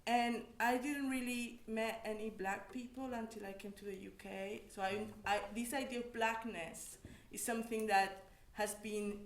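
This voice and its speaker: A Mexican academic gives personal testimony on a panel, reflective and halting, restarting her sentences often. Her voice is on the high side with fairly even intonation, and the room is echoey.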